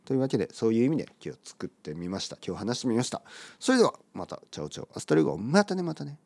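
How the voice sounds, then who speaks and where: A man's voice: fairly low pitch, wildly swooping pitch, rapid-fire, a little mellow, dry recording. A man teaching a casual spoken lesson for language learners, friendly and encouraging, sometimes dropping into mumbled demonstrations.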